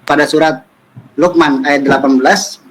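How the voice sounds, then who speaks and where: A man teaching a children's religious lesson, telling stories lively and acting out friends' lines. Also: fairly high pitch, a little hiss or hum, rough recording. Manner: lively storytelling, acts out friends' lines, recites Quran verses slowly.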